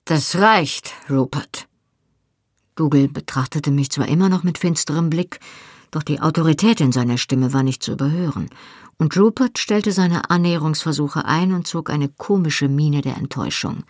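A first-person audiobook narrator with a husky, slightly raspy tone. The reading is measured and expressive, recorded close and completely dry, with no room around the voice. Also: medium pitch, dry recording.

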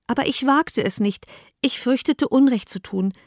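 Reading an audiobook, a woman voices a distraught, tearful young woman, raising her pitch above her own natural voice into a high, pleading tone. The pace is moderate and the studio sound is clean with no room sound, carrying an anguished mood.

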